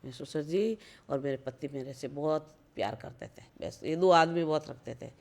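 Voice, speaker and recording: A woman's voice: deep voice, moderate pace, darkish tone. A woman in her fifties from rural Rajasthan with a Marwari accent, telling her life story plainly as an interview guest, repeating phrases for emphasis. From rural Rajasthan, India. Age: 50s.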